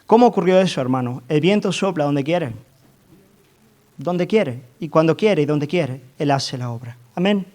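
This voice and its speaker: A male pastor delivers a fervent sermon in a fairly high voice. He builds to emphatic peaks, asks his congregation for agreement, and often restarts and repeats his words. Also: lively intonation, normal speed, darkish tone.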